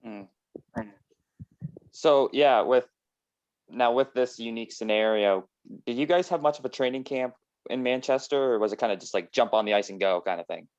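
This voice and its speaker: A man's voice: mid-range voice, moderate pace, a little mellow, no echo. A man working as an interviewer, asking questions in a casual, conversational style. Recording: dull lo-fi connection, dry.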